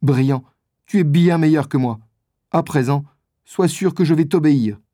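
A man voicing an earnest, grateful teenage boy in a storybook reading, his voice pitched well up from his own. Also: unhurried, mellow, dry recording, clean studio sound, close to an everyday voice.

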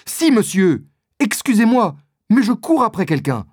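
An impulsive young swordsman bursts through the story, as a man reads him aloud. His voice sits noticeably high and leaps about as he rushes and apologizes. The sound is dry and close. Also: big pitch swings, a little mellow, breathy edge, no room sound, exaggerated voice. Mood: apologetic. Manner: breathless, impulsive. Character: young eager male Gascon swordsman.

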